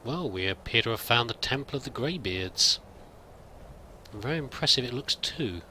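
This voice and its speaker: Playing a pilgrim in a let's play, this man offers in-character game commentary, thinking aloud in a wandering, hesitant way. His medium-pitched voice is expressive and sharp at a moderate pace, with slight background noise.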